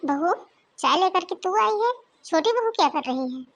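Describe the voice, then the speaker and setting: A woman voicing a strict old mother-in-law in a cartoon, scolding in high calls and coughing often. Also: lively intonation, moderate pace. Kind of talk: cartoon voice acting.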